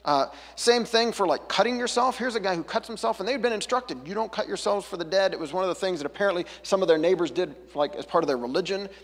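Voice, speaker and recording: Husky pastor in a reverberant hall. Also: male voice, sits high, fast talker, hardly any pauses. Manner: chatty, self-interrupting, jokey asides. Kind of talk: conversational sermon.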